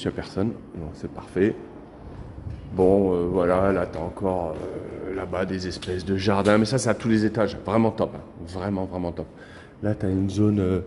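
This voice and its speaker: A man's voice: lowish voice, mellow, a little hiss or hum. A young man vlogging casually as he walks through an apartment building, talking straight to the viewer with many fillers and restarts. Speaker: travel vlogger. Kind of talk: casual vlog tour.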